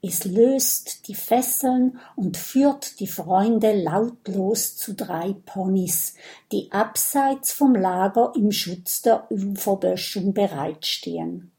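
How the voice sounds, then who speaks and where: A woman narrating a children's audiobook in a calm storytelling manner. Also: mid-range voice, slow pace.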